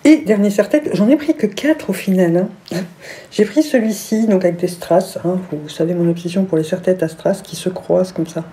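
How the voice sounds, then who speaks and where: A vlogger talks casually and briskly through a haul on camera, gushing, enthusiastic and exclamatory about everything she shows. Her voice is low for a woman with a very dark, mellow tone, and now and then she slips into a soft whisper.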